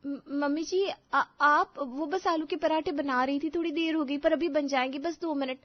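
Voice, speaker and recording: A woman's voice: high voice, flat delivery, unhurried, voice pushed up. A woman voicing a timid, nervous young daughter-in-law who stammers and hesitates. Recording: slightly dull lo-fi recording.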